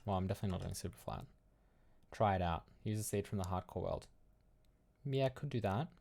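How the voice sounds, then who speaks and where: A low, gravelly, slightly mellow male voice moves quickly as a Melbourne-based livestream host chats loosely, musing aloud and rambling in a casual way.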